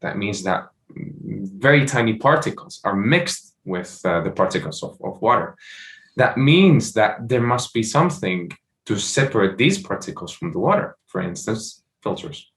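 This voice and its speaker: Young man from Morocco, lowish voice, halting, lots of ums, interview guest. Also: sing-song, fairly bright tone. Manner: hesitant, many fillers and restarts. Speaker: startup founder, guest. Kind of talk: conversational interview answers.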